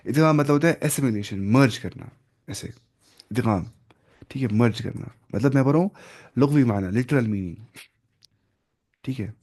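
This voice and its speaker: A man teaching the rules of Quran recitation in a casual lesson, often slipping in English terms and modelling examples slowly. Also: mid-range voice, darkish tone. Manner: explains, then models slow drawn-out recitation; mixes English terms into explanations.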